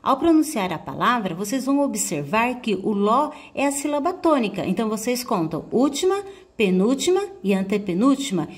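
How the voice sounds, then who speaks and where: A woman teacher with a Brazilian Portuguese accent, giving a video lesson to schoolchildren and slowly stressing syllables as she sounds out words. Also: a little high, very animated.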